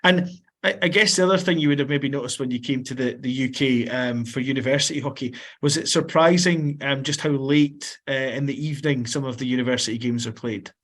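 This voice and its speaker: A man's voice: mid-range voice, fairly quick, a bit bright. A man hosting a sports podcast, asking questions casually and often repeating words as he starts them. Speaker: podcast host. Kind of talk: casual interview.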